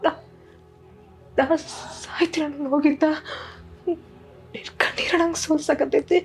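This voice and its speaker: A woman performing a young North Karnataka village wife near death, speaking in a faint, breathy whisper. Her voice sits high, with gentle music under the scene. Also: steady tone, a little slow. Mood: faint dying. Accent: North Karnataka Kannada. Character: young village wife, sharp-tongued then dying. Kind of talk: short film acting.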